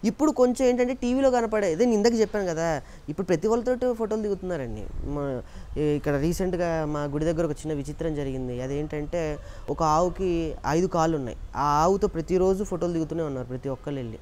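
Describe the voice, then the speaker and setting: A man's voice: a little high, fast, slight background noise. Earnest man telling stories in an interview. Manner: earnest, animated storytelling that acts out quoted voices. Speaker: interview guest, mimicry artist. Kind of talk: casual interview talk.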